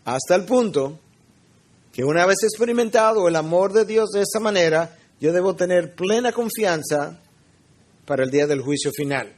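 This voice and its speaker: Middle-aged pastor guy, higher voice, earnest sermon talking straight to the congregation. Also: lively intonation, moderate pace. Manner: earnest teaching, addresses listeners directly as "tú".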